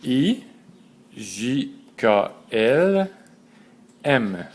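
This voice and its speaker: A man, slowly and methodically teaching a writing system letter by letter. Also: medium pitch, very animated. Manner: slow and methodical, spelling out letters one by one. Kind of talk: step-by-step lesson.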